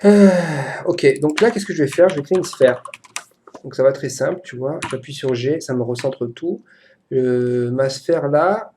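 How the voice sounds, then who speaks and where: A French-accented man walks a friend through a piece of software in a loose, chatty screen-recording tutorial. His voice is gravelly and dark, at an ordinary pitch. He hesitates often and fills the gaps with little fillers. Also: a little hiss or hum.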